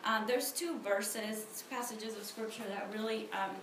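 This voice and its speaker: A woman's voice: a little high, unhurried. Woman speaking in an echoey, noisy room. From Honduras. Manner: conversational, frequent ums and restarts. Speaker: speaker at a church ministry meeting. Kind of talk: personal testimony talk with prayer. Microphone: phone recording on a table. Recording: echoey room with noticeable background noise.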